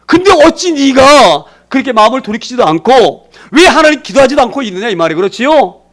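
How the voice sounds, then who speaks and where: A man preaching a sermon as pastor, emphatic, asking the congregation rhetorical questions and acting out quoted voices with sharp swings in pitch and loudness. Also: sing-song, fairly quick.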